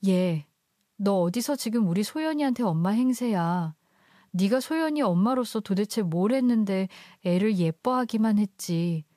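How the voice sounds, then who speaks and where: A woman voicing a stern, older grandmother who scolds in a low, pressing voice in a storybook narration. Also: lively intonation, moderate pace, dark tone, no room sound, clean studio sound, close to an everyday voice. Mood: stern scolding.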